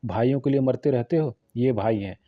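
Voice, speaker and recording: A man reading a fierce sharp-tongued village wife. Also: medium pitch, fairly quick, phone-quality sound, lightly acted. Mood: scolding. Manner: scolding, cutting.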